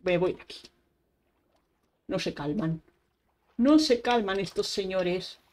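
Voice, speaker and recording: Slow-talking woman gaming. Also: medium pitch, lively intonation, a little mellow, slight background noise. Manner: chatty, talks to herself while playing, frequent exclamations. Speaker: gaming YouTuber. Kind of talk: casual Minecraft gameplay commentary. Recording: faint keyboard typing and clicks behind.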